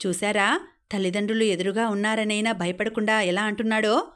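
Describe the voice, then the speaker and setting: A resentful woman visitor who hisses out spiteful remarks, read by a woman narrator. The pitch stays flat and close to the narrator's own voice. Every line carries a bitter, spiteful edge. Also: a little fast, smooth, close to an everyday voice.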